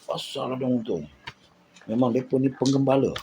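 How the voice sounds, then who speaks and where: A man's voice: medium pitch, a little fast, slight background noise, rough recording. Malaysian man telling a travel story. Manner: animated, repeats words, acts out the people he quotes. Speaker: traveler recounting a journey. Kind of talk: casual storytelling.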